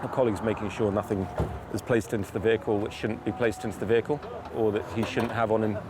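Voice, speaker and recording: A male police officer explaining procedure in a firm, measured manner with formal wording, unscripted. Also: lowish voice, little pitch movement, noisy background.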